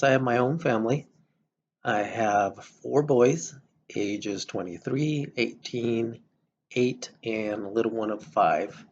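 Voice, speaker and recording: A middle-aged man from El Salvador, giving a measured, hesitant self-introduction for a class, with frequent ums. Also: lowish voice, dull audio, slight background noise. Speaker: college student.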